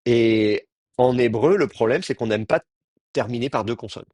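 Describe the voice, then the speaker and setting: A man's voice: medium pitch, normal speed, a little mellow, dry recording. A man teaching a grammar class, explaining patiently and often restarting his sentences. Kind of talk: Hebrew grammar lecture.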